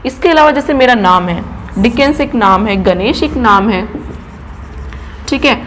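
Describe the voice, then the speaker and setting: A woman English trainer with a slightly high voice, teaching grammar step by step. She asks the class questions and answers them herself. She checks after almost every point that everyone is following. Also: expressive, unhurried, a bit bright, slight background noise. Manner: explains step by step and keeps checking with "ठीक है?".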